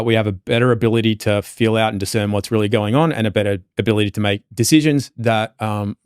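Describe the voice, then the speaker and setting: A man's voice: on the low side, darkish tone, no room sound, studio quality. A man with an Australian accent, talking as a podcast guest in a loose, reflective way, full of fillers and restarts. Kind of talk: casual conversation.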